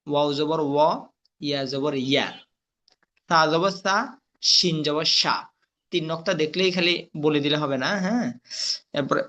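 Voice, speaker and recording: A young male teacher, heard in a recorded class, drills Quranic letter sounds, saying each deliberately and slowly, repeating exercises, and testing his students. His pitch leans high, and the tone is sharp.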